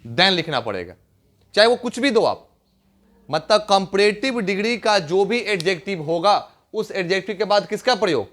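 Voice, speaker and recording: A man's voice: high voice, animated, moderate pace, a bit bright. A young man teaching a grammar lesson to a class, often repeating questions and checking whether the students understand.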